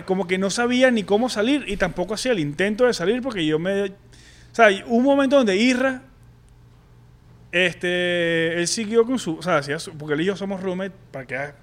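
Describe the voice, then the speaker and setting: A man, co-hosting a casual podcast and candidly telling a personal story with many restarts and fillers. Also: high-pitched. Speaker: podcast co-host. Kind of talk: casual chat.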